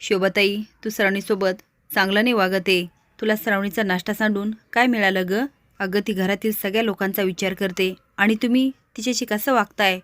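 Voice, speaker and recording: A woman voicing an indignant young woman who loudly defends another family member. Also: mid-range voice, steady tone, fairly quick, no echo, lightly acted. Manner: indignant, raised voice. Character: sharp-tongued young woman defending her sister-in-law.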